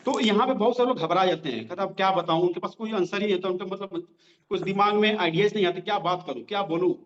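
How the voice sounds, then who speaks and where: High-voiced man teaching sales slowly. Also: a little hiss or hum. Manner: repeats lines slowly for note-taking; conversational, addresses listeners directly. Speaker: direct selling trainer. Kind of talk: sales training lesson. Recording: dull lo-fi sound.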